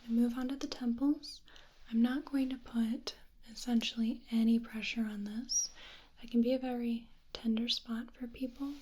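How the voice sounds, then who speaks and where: A woman doing a whispered role-play as a medical examiner, with a soft, soothing, breathy, hushed delivery. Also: fairly high pitch, steady tone, moderate pace. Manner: soft, soothing spa-like whisper with personal attention. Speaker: ASMR performer playing a medical examiner.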